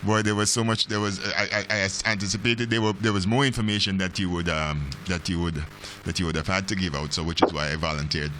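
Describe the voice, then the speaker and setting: A man's voice: deep voice, fairly even intonation, fast talker, bright, forceful tone, slight background noise. A man hosting a casual call-in chat, often repeating his phrases. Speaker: radio host.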